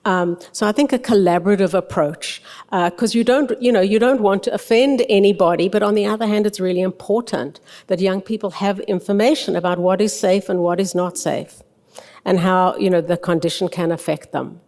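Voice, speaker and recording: A woman's voice: medium pitch, fairly quick, darkish tone. An older woman, a conference presenter, answers audience questions in a frank, conversational manner. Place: large hotel ballroom stage. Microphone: podium microphone. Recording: long hall reverb from PA.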